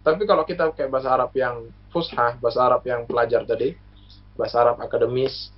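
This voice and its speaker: A man's voice: mid-range voice, fairly even intonation, fast. A man from Lombok, Indonesia, a university alumnus and guest, explaining things in a casual chat, patient and lecturing, with many hesitations and examples. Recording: muffled lo-fi recording.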